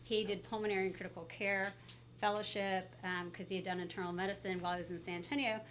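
A woman's voice: mid-range voice, flat delivery, fast, a bit bright. Female guest, middle-aged, casual and chatty, voice coming through a face mask, noisy recording. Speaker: guest pediatrician. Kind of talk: casual interview, telling career story. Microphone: speaking through a face mask.

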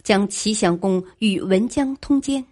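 一位女性讲述者，用平稳的叙述方式讲古代历史故事。. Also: female voice, mid-range voice. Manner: measured, even storytelling. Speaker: storyteller. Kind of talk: scripted narration of ancient history.

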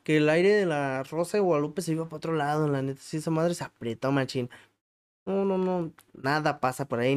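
This podcast host speaks with a Mexican accent in a fairly high, somewhat mellow voice. Using laid-back slang, he spins crude, comic tales about his own life and cracks himself up along the way.

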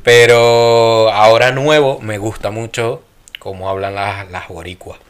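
A man's voice: lowish voice, measured pace, clear, resonant tone. A young man with a Venezuelan accent, co-hosting a casual chat and slipping into slangy, joking talk. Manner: relaxed, slangy, mimics accents for laughs. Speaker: podcast co-host.

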